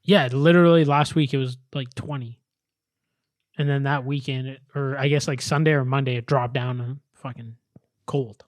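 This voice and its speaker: A man's voice: medium pitch, fairly even intonation, moderate pace, no echo. A young man co-hosting a casual podcast, easygoing and profane, often agreeing with his friend. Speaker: podcast co-host.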